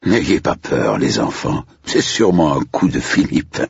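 Storybook butler, old and gentle, voiced by a man; deep husky voice, dull dry sound. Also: very animated, a little slow, no room sound, exaggerated voice.

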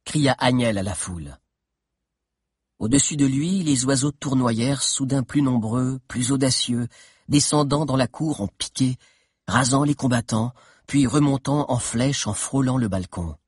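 Husky-voiced male storybook narrator. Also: mid-range voice, dry recording, clean studio sound. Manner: steady, dramatic reading with tense pauses. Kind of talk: audiobook narration.

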